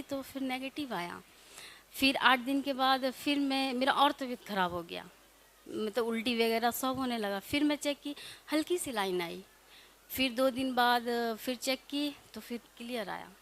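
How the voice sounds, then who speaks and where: A woman's voice: fairly high pitch, fairly bright tone, a little hiss or hum. Hesitant young woman recounting her story. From Bihar. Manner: hesitant, halting, many fillers and restarts. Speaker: devotee sharing testimony. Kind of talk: emotional personal testimony.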